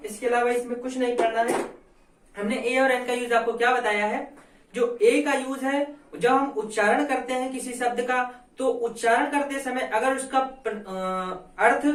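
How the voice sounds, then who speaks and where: A woman teaching a grammar lesson, asking questions and answering them herself and repeating the key points. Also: a little high. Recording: echoey room, voice from far off.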